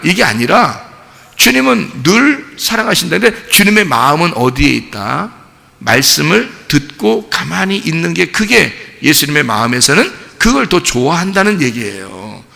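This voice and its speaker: A man's voice: fairly high pitch, creaky, bright, forceful tone. A male pastor giving a chatty, storytelling sermon, often throwing rhetorical questions to the congregation. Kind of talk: conversational sermon. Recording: long hall reverb.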